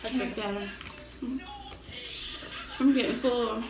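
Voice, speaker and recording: A woman hosting a casual mukbang chat at home, relaxed and laughing often as she talks between bites. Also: fairly high pitch, slow, vocal fry, over music. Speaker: vlog host and mother. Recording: echoey room with faint background noise.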